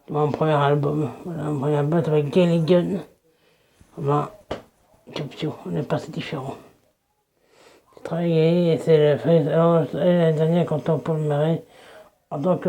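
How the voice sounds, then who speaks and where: Video creator, DJ persona, casual self-introduction, rambling, restarts sentences, creaky gravelly voice, mellow dark tone. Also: mid-range voice.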